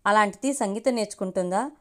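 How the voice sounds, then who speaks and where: A woman's voice: mid-range voice, fast talker, close to an everyday voice. A woman reading the lines of a kind, teasing young man in a family story, in a light tone.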